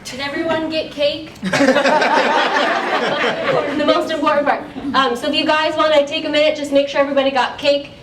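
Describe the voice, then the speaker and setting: Woman making high party announcements. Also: steady tone, brisk, long pauses, heavy background noise. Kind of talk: casual announcements to a crowd. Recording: echoey room from far off, crowd chatter.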